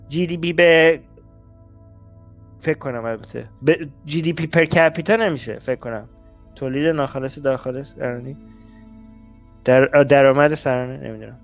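Brief: male host, reaction commentary, blunt and exasperated, slightly high voice. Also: soft background music. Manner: blunt, exasperated, rising heat.

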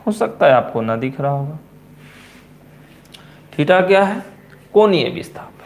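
A man with a Bihari accent teaching physics in a coaching classroom, repeating key terms slowly and asking and answering his own questions. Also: a little high, big pitch swings, vocal fry. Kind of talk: classroom lecture at a board.

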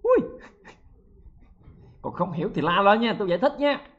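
A male math teacher leading an exam-prep lesson, lively and joking, checking in with students often. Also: high-pitched, normal speed, phone-quality sound.

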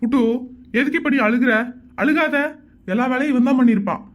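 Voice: high-pitched, a little fast, muffled recording. A performer voicing an easygoing father in a cartoon family comedy who grumbles and brushes off the fuss. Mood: grumbling. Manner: grumbling, dismissive.

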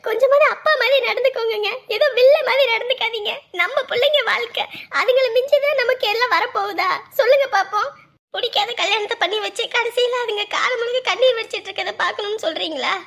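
A woman plays a distraught mother whose very high voice carries a gravelly edge as she pleads and scolds, close to tears. Her talk is emotional and insistent, in a family drama. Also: fairly bright tone, heavily acted. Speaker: mother of a grown son. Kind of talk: Tamil family web drama acting.

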